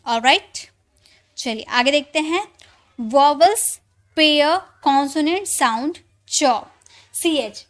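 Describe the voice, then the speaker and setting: Female teacher, high voice, patient, repeats every example word, classroom explainer. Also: fairly bright tone. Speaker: English teacher. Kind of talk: spelling lesson for Hindi speakers.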